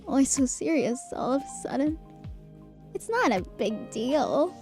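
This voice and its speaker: Woman doing a teasing young woman, high voice bouncing all over, slow and moody, soft music under it. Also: big pitch swings. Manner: blunt and teasing, swings to loud outbursts.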